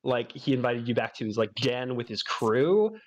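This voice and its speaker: A man's voice: medium pitch, lively intonation, normal speed, dull audio. A man narrating as game master of a tabletop role-playing game, rambling with many fillers and restarts.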